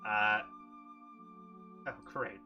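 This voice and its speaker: A man's voice: lowish voice, steady tone, drawn-out words, dull audio. A man working as game master, narrating an improvised tabletop game in a playful, theatrical way. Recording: music playing behind.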